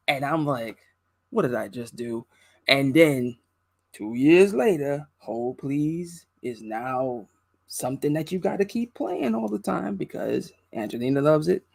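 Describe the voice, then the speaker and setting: A guest musician and streamer tells a story in casual chat, animatedly acting out other people's voices when quoting them. His voice is fairly high and creaky, he speaks slowly, and the recording is dry.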